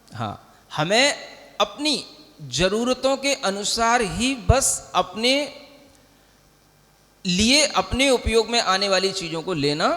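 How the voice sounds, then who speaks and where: A man delivers a sermon as a monk, his voice pitched high for a man. He teaches plainly and keeps asking his listeners whether they follow. His words ring out with a long reverb, as if spoken in a large hall. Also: a bit bright. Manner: mixes English words into Hindi speech. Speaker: Jain monk giving a discourse.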